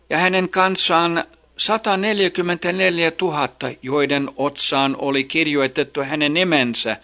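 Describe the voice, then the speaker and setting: A man giving a steady, solemn scripted reading of a scripture chapter. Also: a little high. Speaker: Bible reader.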